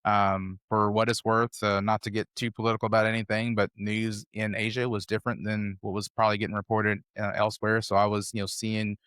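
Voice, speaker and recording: A man from the United States in his fifties, speaking as a podcast guest with a fairly low voice. He tells his story in a loose, rambling, conversational way. The sound is dry and close, with little room reflection. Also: little pitch movement, fairly quick, few pauses, fairly bright tone, clear, resonant tone, no room sound. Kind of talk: casual interview storytelling.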